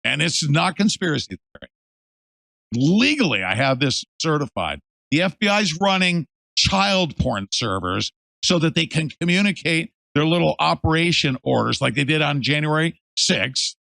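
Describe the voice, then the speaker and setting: A male host in a casual interview, emphatic and animated, swinging from loud to hushed. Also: on the high side, normal speed, vocal fry, dry recording.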